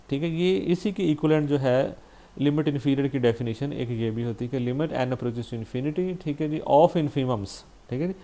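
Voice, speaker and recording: Here a man with a warm, mid-range voice and a Pakistani Urdu accent teaches math in a recorded lecture. He explains each step in turn, blends English mathematical vocabulary into his talk, and regularly pauses to ask "theek hai ji."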